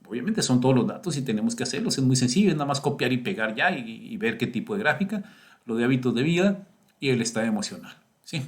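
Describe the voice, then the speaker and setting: A man's voice: mid-range voice, sing-song, fast. Patient teacher, man. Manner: patient, explaining step by step and often checking "¿sí?" and "miren". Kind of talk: recorded screen-share statistics lesson.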